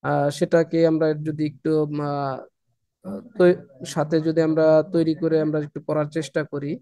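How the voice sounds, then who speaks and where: A man teaching Quran reading in an online lesson, pausing often with filler sounds and drilling syllables slowly. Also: a little high, flat delivery, mellow, no room sound.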